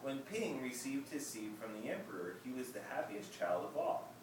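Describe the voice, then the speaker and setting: A man reads a children's story aloud with an expressive, deliberate delivery. His voice is mid-pitched and sounds far from the mic in a very echoey room, with clear background noise. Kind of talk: children's picture book read-aloud.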